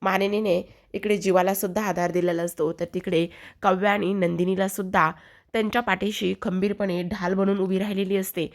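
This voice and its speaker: Woman narrator, serial recap, steady storyteller. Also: medium pitch, brisk. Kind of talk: retelling a TV serial episode.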